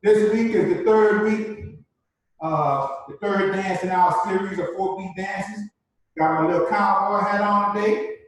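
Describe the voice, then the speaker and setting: A man leads a live online dance class, repeating key points and checking in with "right?" as he explains. His voice sits high with fairly even intonation, and he's unhurried. The mic is distant in a very echoey room.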